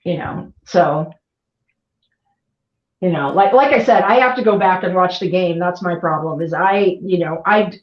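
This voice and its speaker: A woman's voice: on the low side, unhurried. A woman chatting casually as a podcast panelist, telling stories in a rambling way and laughing often. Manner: rambling, giggly storyteller. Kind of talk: casual chat. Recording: echoey, dull-sounding room.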